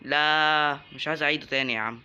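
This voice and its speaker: A young man with an Egyptian Arabic accent gives let's-play commentary in a bright, sharp, slightly high voice. He talks casually and jokes with his viewers. He breaks into excited yelps when enemies attack. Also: quick pace, clear, resonant tone, dull audio. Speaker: gaming YouTuber.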